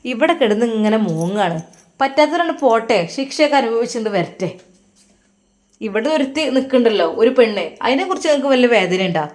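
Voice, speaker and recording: A woman doing a shrill scolding mother. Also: animated, brisk, a little mellow, close to an everyday voice. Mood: scornful. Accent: Malappuram Malayalam. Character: sharp-tongued scornful middle-aged mother.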